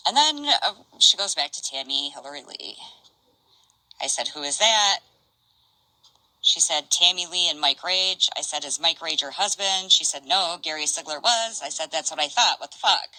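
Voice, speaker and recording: An older woman casually chatting on a stream, reading out messages in a halting, rambling way. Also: low voice, expressive, pushed and bright, no room sound, poor audio. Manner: rambling, halting, restarts and asides.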